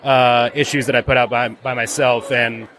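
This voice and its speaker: A man's voice: medium pitch, flat delivery, normal speed, a bit bright. A man answering interview questions casually, rambling with restarts and lots of "like". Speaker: comics creator.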